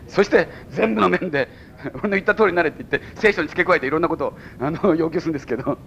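Animated pastor preaching, Mikawa accent. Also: male voice, fast, gravelly, muffled recording, a little hiss or hum. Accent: Mikawa Japanese. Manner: animated preaching with sudden high exclamations and chuckles. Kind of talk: sermon. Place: church service before a congregation.

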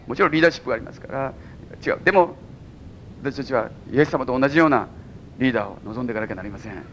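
A man with a Mikawa Japanese accent preaching a sermon as pastor to a congregation, with sudden high exclamations and chuckles. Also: racing, fairly bright tone, dull audio, slight background noise. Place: church service before a congregation.

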